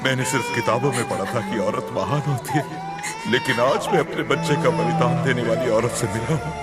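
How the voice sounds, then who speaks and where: A man's voice: medium pitch, brisk, over loud music, a loud crowd, lightly acted. A man playing a protective husband who urges and weeps in a film drama. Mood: tearful. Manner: urgent, tearful.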